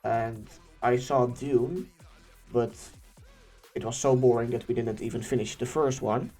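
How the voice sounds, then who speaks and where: A young man with a Dutch accent, whose first language is Dutch, hosting a casual Q&A and answering viewer questions in a chatty, animated way. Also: mid-range voice, measured pace, faint music behind. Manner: chatty and animated, laughing often. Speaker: YouTube channel host.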